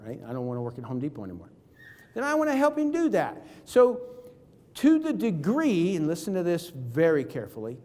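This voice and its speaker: A man giving an energetic, jokey seminar talk on network marketing, acting out phone calls with friends. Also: fairly high pitch. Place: conference hall. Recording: reverberant hall.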